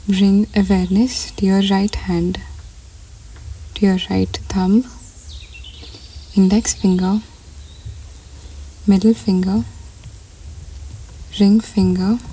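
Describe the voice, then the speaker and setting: A woman guides a scripted meditation in a soft, breathy, medium-pitched voice that often drops almost to a whisper. She speaks slowly and deliberately, pausing between short phrases.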